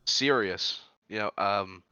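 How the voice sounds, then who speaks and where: A man guesting on a casual podcast chat, talking in a relaxed way and often trailing off. His voice is low yet sharp and bright. The audio sounds dull, like a lo-fi connection. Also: slow, clear, resonant tone, no room sound.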